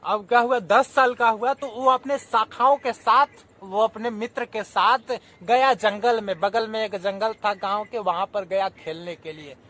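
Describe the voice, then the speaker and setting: A man's voice: sits high, a little slow, hardly any pauses, fairly bright tone. A man narrating a devotional story, repeating phrases and addressing listeners respectfully. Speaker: religious storyteller.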